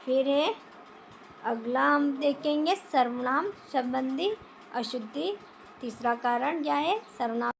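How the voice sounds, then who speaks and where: A woman's voice: fairly high pitch, a little hiss or hum. A woman teaching a grammar lesson for exam preparation, reading out each wrong sentence and then repeating the corrected one.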